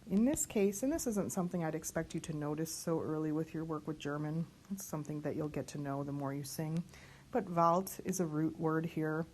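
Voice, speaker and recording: A woman teaching lyric diction, slowly spelling out letters and sounds one by one. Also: sits low, darkish tone, a little hiss or hum. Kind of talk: online diction lesson.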